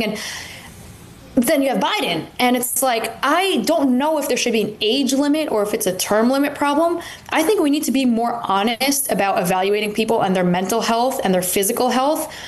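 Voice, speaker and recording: A woman's voice: on the high side, normal speed. A woman in her twenties co-hosting a casual political debate, speaking in a blunt, candid way. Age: 20s. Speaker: co-host.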